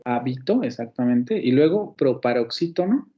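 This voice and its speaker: A man's voice: medium pitch, normal speed, highs cut off. A man with a Mexican Spanish accent teaching a university phonetics class online. He explains patiently, restarts his sentences often and keeps checking in with the students.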